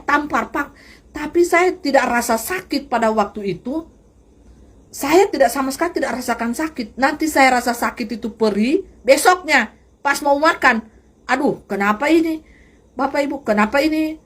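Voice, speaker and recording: A young woman gives a lively church testimony to a congregation. She laughs often and acts out the voices of the people in her story. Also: fairly high pitch. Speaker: testimony speaker.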